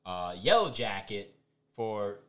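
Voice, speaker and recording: Man, casual podcast chat, lively pitch, bright tone, swears a lot. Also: slow. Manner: animated, swearing, playful. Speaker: podcast co-host. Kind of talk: casual chat ranking movie villains.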